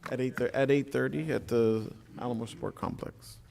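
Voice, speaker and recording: A man with a gravelly voice and little variation in pitch reports to a public meeting as a city official. He is hesitant, pausing often as he explains. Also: steady tone, darkish tone, a little hiss or hum. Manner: hesitant, halting. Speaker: city official addressing commissioners.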